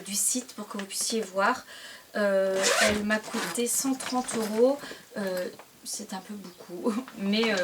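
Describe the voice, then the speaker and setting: A young woman in her twenties, chatting casually with lots of fillers and hesitations as she shows items in a haul video at home. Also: mid-range voice. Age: 20s. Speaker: vlogger. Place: indoors at home. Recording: distant mic with clear background noise.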